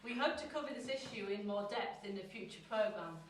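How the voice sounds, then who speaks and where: A woman's voice: medium pitch, a little fast, a little hiss or hum. A woman co-hosting a brewery live stream, chatting and teasing while she reads news items. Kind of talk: casual chat and news reading. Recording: very echoey room, voice distant from the mic.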